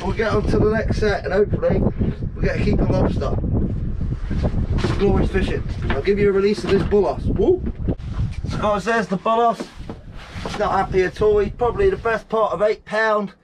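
Filmed on an action camera, this young Guernsey man runs a fishing vlog, chatting casually to viewers while pulling up pots and tallying his catch out loud aboard a small open boat at sea. His voice sits high, his pace is moderate, and he pauses often. Wind, water and the boat's engine roar loudly behind him.

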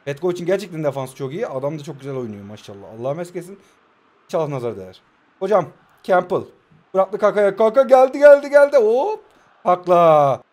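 A man in his twenties speaking with a Turkish accent, commentating his own mobile football match live, excitable and talking to himself, with sudden swings from quiet muttering to loud outbursts. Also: high voice, brisk. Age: 20s. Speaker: mobile football gamer and streamer.

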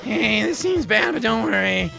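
Guy doing a shy nerdy lady scientist game sidekick, stammery and earnest, highish voice. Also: expressive, moderate pace, creaky, bright, forceful tone, faint music behind, full character voice. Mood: anxious encouragement.

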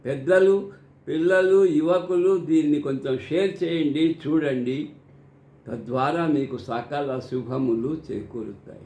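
An older man reciting scripture and explaining it in a slow, earnest, preacherly way, as a devotional teacher. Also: on the high side, warm tone, roomy sound.

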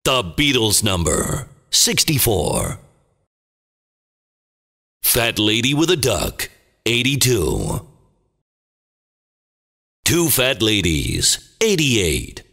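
A man playing a booming, dramatic movie trailer announcer, calling bingo in short theatrical phrases with a gravelly voice. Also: huge pitch swings, pushed and bright, exaggerated voice. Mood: dramatic, portentous. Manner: theatrical, deliberate, clipped phrases. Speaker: bingo caller. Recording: long booming reverb.

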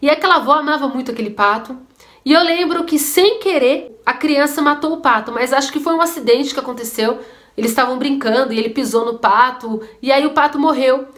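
A woman's voice: high-pitched, brisk, fairly bright tone. A woman telling a story and preaching earnestly in a devotional video. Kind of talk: devotional sermon-style storytelling.

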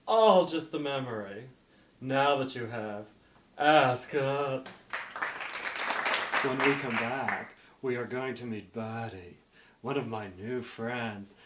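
A middle-aged man playing a sugary, self-proclaimed mystical drag diva, making a coy, theatrical hard sell infomercial pitch. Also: recorded from a distance, a little hiss or hum, close to an everyday voice. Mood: gently soothing. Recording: echoey room, off the mic.

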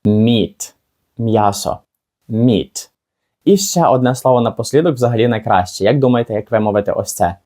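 Casting: male teacher, mellow voice, chatty and question-asking, slows down for examples. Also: medium pitch. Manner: chatty, asks the viewer rhetorical questions, slows down for example words. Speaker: English teacher. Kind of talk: casual video lesson.

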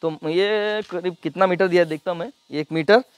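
Fast-talking man demoing a machine. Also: sits high, dry recording. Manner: rapid, hands-on explaining while demonstrating. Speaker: product reviewer. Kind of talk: casual product demo and review.

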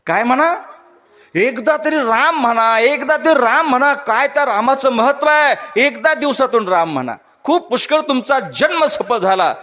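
A man's voice: expressive, moderate pace, pushed and bright, heavily acted. A male preacher voicing a pious wife who pleads over and over with her husband, in a raised voice, while telling a devotional story. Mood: urging. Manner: high, insistent pleading repetitions.

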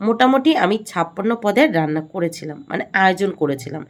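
A middle-aged woman with a Bengali accent, speaking as a home vlogger and gently explaining a home ritual step by step in a voice-over. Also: mid-range voice, animated, quick pace.

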